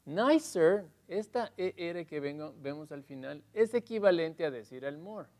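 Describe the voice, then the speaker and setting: A man teaching English grammar in Spanish in a televised lesson, explaining step by step and loudly stressing each English example. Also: fairly high pitch, lively intonation, normal speed.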